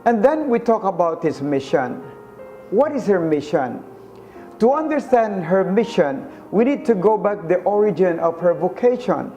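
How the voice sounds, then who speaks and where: Slow, earnest male preacher. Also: high-pitched, dark tone. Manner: slow, earnest, emphatic with rising stresses. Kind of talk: sermon-style reflection.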